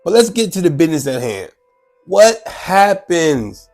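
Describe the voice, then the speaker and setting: With faint music in the background, a man with a slightly high voice speaks at a measured pace. He hosts his own show while congested and ill, offering chatty, animated, repetitive commentary on a news clip.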